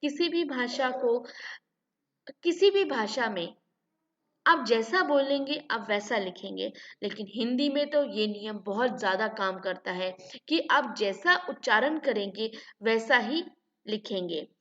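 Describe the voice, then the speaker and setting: A woman teacher giving a classroom grammar lesson, reading each word twice, slowly and with emphasis, and addressing her pupils as children. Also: on the high side, expressive, fairly bright tone, recorded from a distance, muffled recording.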